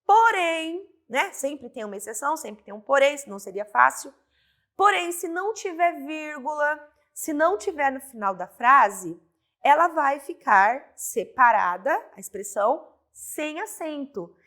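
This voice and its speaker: A woman's voice: high voice, lively intonation, a little slow, a bit bright. A woman teaching a grammar lesson, explaining step by step and checking in with her students. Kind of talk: recorded online grammar lesson.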